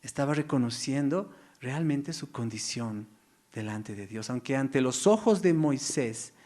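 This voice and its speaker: A man delivers a sermon with emphatic, repeating phrasing. His pitch sits in an ordinary middle range, and he sinks to a low, quiet tone when he quotes the divine voice. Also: animated, unhurried. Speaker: preacher.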